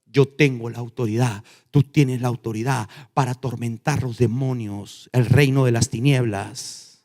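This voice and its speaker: A male pastor preaching a sermon, swinging from loud emphatic lines down to hushed ones. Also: mid-range voice, fairly even intonation, a little slow. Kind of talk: Spanish-language sermon. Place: church. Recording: long church reverb.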